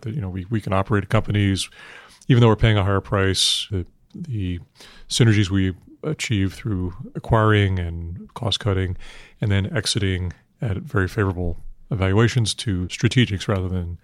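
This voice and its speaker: Low-voiced older man, investment banker manner. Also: no echo. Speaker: institutional investment manager being interviewed. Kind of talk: interview answers on finance.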